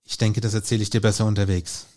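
A man's voice: fairly low pitch, flat delivery, fast talker, darkish tone, lightly acted. A man voicing an earnest young female police assistant who speaks with urgency. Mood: serious.

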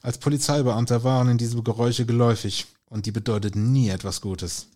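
A man's voice: mid-range voice, fairly even intonation, fast, mellow. Man narrating an audiobook. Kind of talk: scripted narration.

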